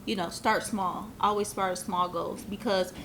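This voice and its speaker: Speaking slightly slowly in a mid-range, fairly bright voice with a steady tone, this twenty-something businesswoman is a guest in a casual interview. She comes across as earnest and reflective and leans heavily on filler phrases. A faint hiss or hum sits under the recording.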